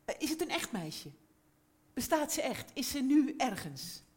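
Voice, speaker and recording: A high-voiced woman speaks up from a theatre audience, hesitant and inquisitive. She stammers and repeats words as she fires off questions. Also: very animated, a little slow, a little mellow. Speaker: audience member interrupting the show. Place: live theatre.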